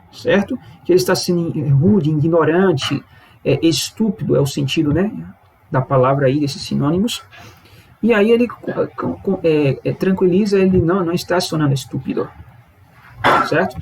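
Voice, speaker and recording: A man's voice: high-pitched, a little mellow, a little hiss or hum, poor audio. A man teaching a language lesson, patiently explaining step by step and often checking in with his listeners.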